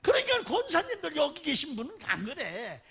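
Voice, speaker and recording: A man preaching a sermon as a guest pastor, animated and often laughing as he tells stories. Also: fairly quick. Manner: animated, laughing, dramatic swings in pitch.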